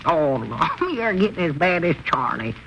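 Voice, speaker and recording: An actor playing a slow-witted old country storekeeper with a folksy drawl, in a 1940s radio comedy. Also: male voice, fairly high pitch, sing-song, a bit bright, rough recording. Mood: puzzled. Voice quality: folksy drawl, rural grammar. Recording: old radio broadcast, faint hiss.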